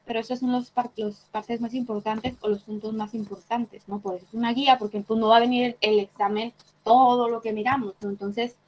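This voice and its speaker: A woman's voice: on the high side, flat delivery, brisk, a little mellow, slight background noise, rough recording. Woman teaching an online class. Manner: explains patiently, checks with frequent tag questions. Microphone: computer mic on a video call.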